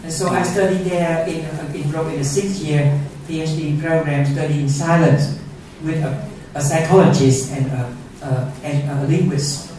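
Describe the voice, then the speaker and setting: A middle-aged man whose first language is Vietnamese gives an earnest conference talk in a university auditorium, repeatedly asking the audience questions tagged with "yeah?". His fairly high voice is steady, unhurried, and mellow. The sound is roomy and distant, with a little hiss or hum.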